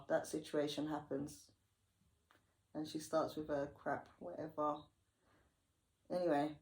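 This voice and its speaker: A woman, telling a story to her viewers in a lively vlog chat with slang and dialect voices. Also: low-pitched. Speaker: vlogger. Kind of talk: storytime while getting ready. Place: home.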